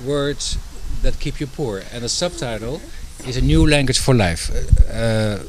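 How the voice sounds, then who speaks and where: A middle-aged man speaks in an interview and picks his words slowly, with many restarts and fillers. His voice sits at an ordinary male pitch. A faint noise runs under the recording. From Netherlands. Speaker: guest, author and doctor.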